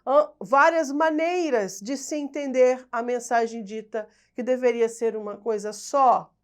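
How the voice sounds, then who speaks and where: A woman's voice: on the high side, unhurried, clear, resonant tone. A woman from Brazil teaching a recorded online language class. She explains step by step, asks rhetorical questions and answers them herself, checks in with "tá?", and corrects herself over hard words.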